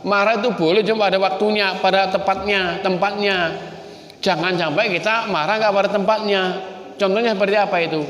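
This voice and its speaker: High-voiced Javanese preacher in echoey hall. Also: male voice, steady tone, a little fast, fairly bright tone. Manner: folksy, addresses listeners as Pak and Bu, mixes in Javanese. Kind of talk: sermon. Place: mosque or community hall. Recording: echoey hall with long reverb.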